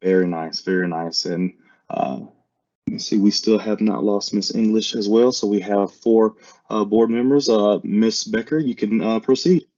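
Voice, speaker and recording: A man with a fairly low voice moderates a formal online meeting. He is courteous and formally polite with everyone. The sound is a dull, muffled conference-call feed. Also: steady tone, measured pace, a little mellow. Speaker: board meeting chair. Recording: muffled video-call audio.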